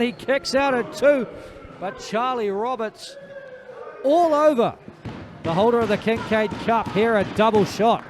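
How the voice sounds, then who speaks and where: A man working as a play-by-play wrestling commentator, making emphatic, dramatic, excited calls of a match. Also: very high-pitched. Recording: live crowd noise behind. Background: wrestling event crowd.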